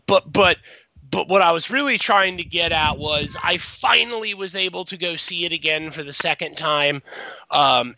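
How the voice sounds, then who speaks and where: A man's voice: a little high, gravelly, pushed and bright, no echo, lo-fi sound. A man hosting a casual podcast chat, rambling and restarting his sentences often. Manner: rambling, many restarts and repeated words. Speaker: podcast host.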